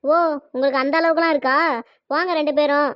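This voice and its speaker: A woman voicing a stubborn, sharp-tongued middle-aged mother in a cartoon, arguing defiantly in Tirunelveli Tamil. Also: sits high, steady tone, fast, dry recording, clean studio sound, natural voice. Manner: argumentative, defiant. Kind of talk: cartoon dialogue.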